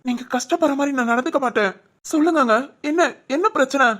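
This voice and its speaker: A woman voicing a gentle young husband in a dubbed cartoon drama, earnestly pleading and reassuring. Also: high voice, fast.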